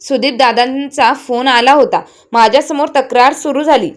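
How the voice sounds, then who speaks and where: A woman reading as a kind, calm housemaid. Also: high-pitched, normal speed, lightly acted. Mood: gentle. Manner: gentle, soothing.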